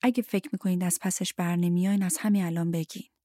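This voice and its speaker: A woman voicing a weary, anxious young mother who speaks in a hushed, breathy whisper. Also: on the low side, steady tone, dry recording, studio quality, natural voice.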